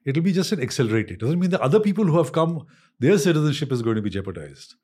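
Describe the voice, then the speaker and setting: An older man with a North Indian accent and a husky voice, explaining conversationally and emphatically, repeating points and slipping into Hindi phrases. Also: fairly high pitch, sing-song, fast, darkish tone. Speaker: interview guest, author on history.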